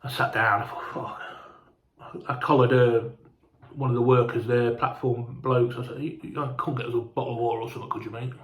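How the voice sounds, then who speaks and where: A man's voice: medium pitch, level tone, fast talker, a bit bright, echoey room. A man telling a casual, rambling travel story, sweary and chatty, sounding hungover and unwell. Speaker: fan vlogger.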